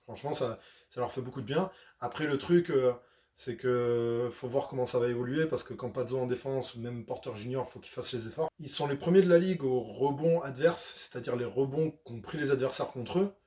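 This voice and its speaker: A young man, casually analyzing a basketball team, slangy and animated with lots of fillers and self-corrections. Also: mid-range voice, fairly quick. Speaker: basketball video host.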